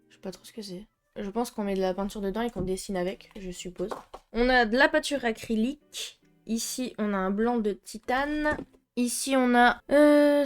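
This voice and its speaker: A French-speaking woman chatting casually through an art-supply unboxing, hesitant with many fillers and frequent giggles. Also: a little high. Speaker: art vlogger.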